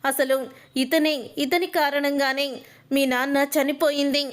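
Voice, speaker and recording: A woman's voice: sits high, flat delivery, a little slow. A woman reading the lines of a furious mother, speaking in an angry, accusing way. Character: furious mother confronting her daughter.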